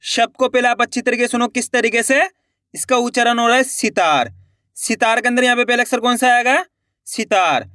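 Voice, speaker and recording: A man teaching spelling slowly and patiently, asking the viewer questions, repeating each word and dropping low as he finishes it. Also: steady tone, pushed and bright, no echo, studio quality. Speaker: Hindi writing teacher. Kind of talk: slow, patient spelling lesson.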